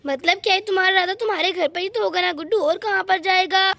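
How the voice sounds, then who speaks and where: A woman's voice: very high-pitched, quick pace, creaky, fairly bright tone, full character voice. A woman voicing a bossy mother in a doll story who scolds and reassures in turn. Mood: stern.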